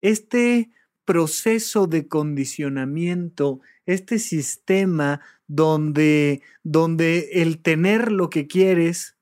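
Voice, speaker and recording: A therapist in an animated podcast monologue, acting out hesitant client replies and patiently repeating questions. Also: mid-range voice, drawn-out words.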